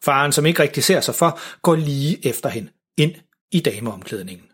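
A man narrating a children's story in an even, gentle way, with a husky voice. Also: fairly high pitch.

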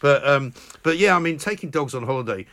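A British man co-hosting a podcast, chatting casually and telling lively anecdotes. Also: fairly high pitch, brisk. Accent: British English. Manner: lively storyteller, puts on voices in quotes. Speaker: podcast co-host.

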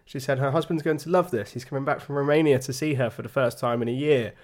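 A man's voice: medium pitch, fairly even intonation, quick pace. A young man co-hosting a podcast, telling stories in a dry, understated, casual way. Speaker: podcast co-host. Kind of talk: casual chat.

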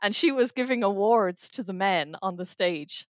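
A woman's voice: medium pitch, animated, normal speed, dry recording, studio quality. A woman from Ireland, a professor, explaining things precisely in an interview. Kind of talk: interview testimony.

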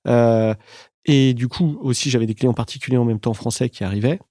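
A middle-aged man recounts his early business days in a relaxed, mellow voice. He talks haltingly, full of fillers and restarts. The sound is dry and close. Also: mid-range voice, no room sound. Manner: hesitant, many fillers and restarts. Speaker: entrepreneur guest. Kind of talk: casual interview storytelling.

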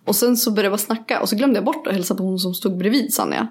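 Young woman telling an animated story. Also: mid-range voice, husky. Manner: animated, acts out dialogue in quick asides, swears casually. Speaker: podcast co-host. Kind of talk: casual chat, storytelling.

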